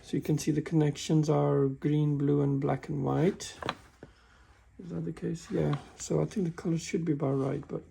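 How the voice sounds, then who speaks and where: A man walking through a car repair in a halting, casual way, often stumbling and restarting his sentences. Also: fairly high pitch, little pitch movement, gravelly, mellow, slight background noise. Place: workshop with a work table.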